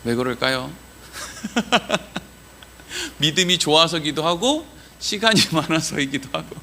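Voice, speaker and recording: A man's voice: on the high side, animated, measured pace, bright, forceful tone, a little hiss or hum. A man preaching a Wednesday evening sermon in a church, chatty and joking, quizzing the listeners. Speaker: pastor.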